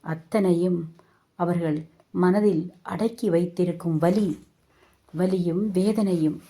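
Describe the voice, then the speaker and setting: A woman tells a family story in a slow, measured and reflective way. Her voice sits low and sounds dark and mellow. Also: steady tone. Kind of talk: spoken family story narration.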